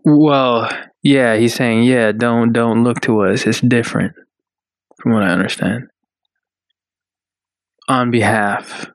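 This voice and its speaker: A man co-hosting a radio talk show at a studio mic, with a dry, close sound. He chats casually and reads article passages aloud in a halting way, with plenty of fillers. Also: mid-range voice, steady tone, no room sound. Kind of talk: casual chat.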